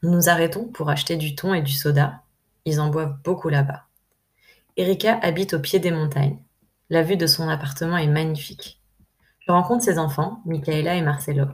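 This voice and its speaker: A young woman from France calmly reading her first-person travel diary aloud in a measured way. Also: deep voice. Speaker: narrator.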